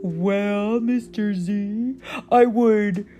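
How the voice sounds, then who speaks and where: A woman voicing a small, eager male monster pupil who answers slowly and earnestly, with music playing behind. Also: mid-range voice, warm tone, pitched below the performer's own voice.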